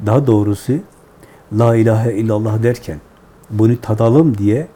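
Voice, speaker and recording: Man as Sufi teacher, very dark timbre, low voice, measured repetitive phrasing. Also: steady tone. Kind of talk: devotional teaching to callers.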